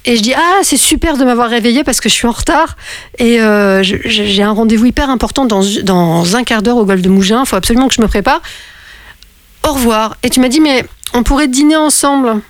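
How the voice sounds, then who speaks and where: A woman's voice: on the high side, no room sound. A middle-aged woman, hosting a radio show and chatting casually on the phone, with lots of restarts. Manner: chatty, laughing, many restarts. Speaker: radio host. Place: radio studio.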